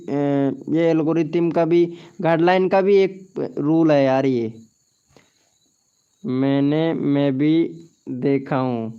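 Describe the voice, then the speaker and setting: Chatty Hindi streamer man, higher voice. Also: a little mellow, clean tone. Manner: chatty, laughing, swears by oath often. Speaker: YouTube live streamer. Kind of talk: casual live-stream chat with viewers. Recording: dull lo-fi stream audio.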